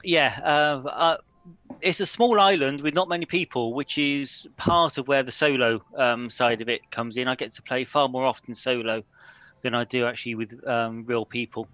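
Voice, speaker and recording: Bright-voiced British man, halting delivery. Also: mid-range voice, fairly even intonation, no echo, rough recording. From UK, living in Shetland. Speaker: solo game supplement writer, panel guest. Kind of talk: casual panel introduction.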